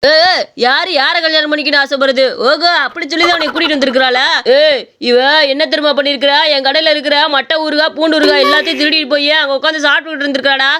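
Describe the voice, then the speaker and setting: Woman doing a cranky cartoon shopkeeper man, rattles off fast, high bright voice. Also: steady tone. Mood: quarrelsome. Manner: rapid, scolding, quarrelsome. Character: irritated village shopkeeper man. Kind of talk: Tamil cartoon story voice acting.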